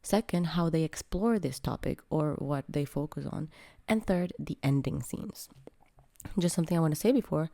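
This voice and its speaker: Sick woman vlogger, blunt and mellow. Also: low voice, normal speed, gravelly, no room sound, studio quality. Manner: candid and blunt, swears freely; frank, frustrated, self-mocking. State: sick, voice strained by illness. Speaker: vlogger reviewing a film. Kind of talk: casual opinion vlog.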